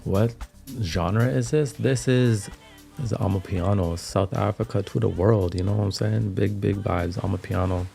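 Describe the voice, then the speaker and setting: Deep gravelly laid-back male stream host. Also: normal speed. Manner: laid-back, slangy, chatty. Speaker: livestream music host. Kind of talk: casual livestream chat over music. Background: music playing.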